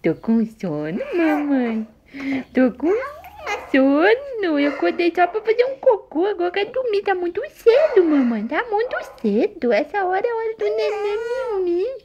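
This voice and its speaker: Brief: mother speaking as a drowsy newborn girl, whiny baby talk, high and lively, unhurried. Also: dull audio, a little hiss or hum. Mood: sleepy. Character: sleepy two-month-old baby girl.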